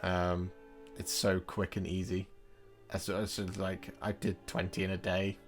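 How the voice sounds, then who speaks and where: A man hosting a casual hobby chat, talking through his own work in a relaxed, joking way. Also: sits low, moderate pace, faint music behind.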